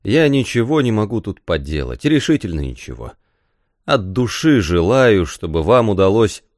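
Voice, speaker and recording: A man reading aloud voices a tormented, volatile young man who breaks into strained shouting. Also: fairly low pitch, sing-song, normal speed, no echo, studio quality. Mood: weary. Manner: outbursts of raised, strained shouting.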